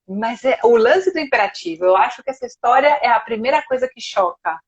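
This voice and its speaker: A woman who teaches Spanish, talking in a live video chat and acting out quoted speech in an animated way. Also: a little high, brisk, muffled recording. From Brazil.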